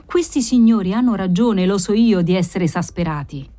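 A woman's voice: medium pitch, lively intonation, normal speed, dark tone, close to an everyday voice. A woman reading aloud voices a lottery-shop keeper who coaxes in a falsely soothing way. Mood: coaxing.

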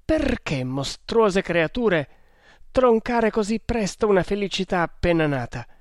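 A man's voice: fairly high pitch, lively intonation, a little slow, no room sound, studio quality. A man voicing a desperate young woman held captive in an audiobook, pleading in anguish. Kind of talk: audiobook character reading.

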